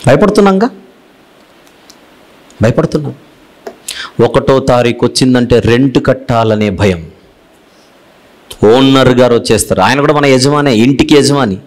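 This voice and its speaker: Impassioned preacher with a lively voice. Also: male voice, normal speed, long pauses. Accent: Telugu. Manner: impassioned, swings between loud emphatic declarations and low hushed rebukes; repeats phrases for emphasis. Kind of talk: sermon.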